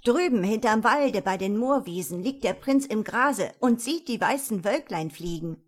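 A woman's voice: mid-range voice, lively intonation, normal speed, close to an everyday voice. A woman voicing a cheeky, laughing herd boy. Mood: teasing. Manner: teasing.

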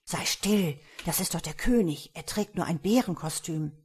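A woman's voice: on the low side, moderate pace, a little mellow. A woman voicing a brusque castle guard scolding his comrade, in a storybook reading. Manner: gruff, scolding.

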